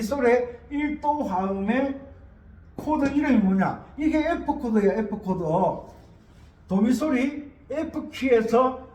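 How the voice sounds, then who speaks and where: A man's voice: extremely high pitch, reverberant. A man teaching a music theory lesson, repeating key words and asking rhetorical questions.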